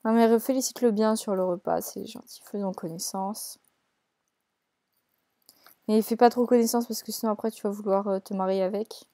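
Young woman, let's play host, casual game commentary, teasing, hesitant, mid pitch, dry close sound. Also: steady tone, moderate pace, dark tone, no room sound. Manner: chatty, teasing, many hesitations.

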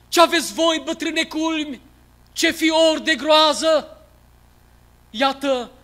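High, bright-voiced man reciting dramatically. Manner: declamatory, swelling from hushed lines to loud cries. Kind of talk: dramatic recitation of religious poetry.

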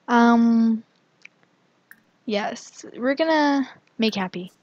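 A woman narrating her gameplay in a casual, giggly and excitable way. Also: a little high, very slow, dry recording, dull audio. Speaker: gaming vlogger.

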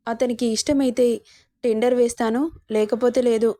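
A woman's voice: a little high, little pitch movement, normal speed, warm tone, no echo, clean studio sound, natural voice. A woman voicing a pleading young wife. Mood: worried. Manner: coaxing, sulky pleading.

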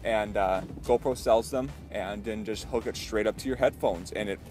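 A man's voice: lowish voice, moderate pace, music in the background. A young man talking casually to camera in a vlog, chatty and enthusiastic, with lots of fillers. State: out of breath. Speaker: vlogger. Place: echoey basement; outdoors by a stream. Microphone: headphone mic into GoPro; handheld lavalier clip mic.

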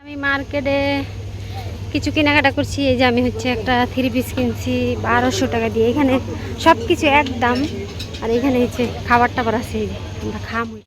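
A woman's voice: high voice, steady tone, brisk. A woman, chatting casually as she vlogs her shopping at a busy trade fair on a phone camera. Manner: chatty, rambling, colloquial. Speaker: vlogger. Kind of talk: casual vlog narration.

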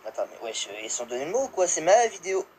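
A young man giving live gameplay commentary, excitable, yelping and laughing, swearing and dropping English exclamations. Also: high voice, fast, a little hiss or hum, poor audio. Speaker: gamer.

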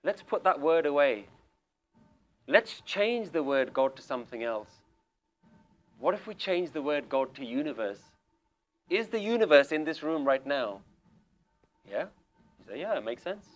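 A man's voice: fairly high pitch, sing-song, measured pace, long pauses. A male spiritual teacher giving an emphatic, questioning talk to a group seated in a room. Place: room with a small audience.

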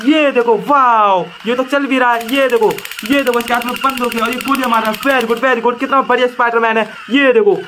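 A man narrating toy play for children, excited and exclaiming often. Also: very high voice, brisk, hardly any pauses, background noise. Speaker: toy video host.

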